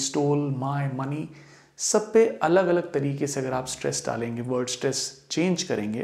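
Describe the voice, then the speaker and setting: A man with an Indian accent teaching an English lesson, speaking slowly and deliberately and stressing single words. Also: fairly high pitch, creaky, darkish tone, roomy sound. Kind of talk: Hindi-language English lesson.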